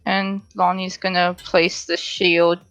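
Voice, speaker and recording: Casting: female game player, lowish bright voice, very unhurried casual narration of her character. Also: little pitch movement, smooth, dry recording, lo-fi sound, soft background music. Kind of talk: casual role-play narration.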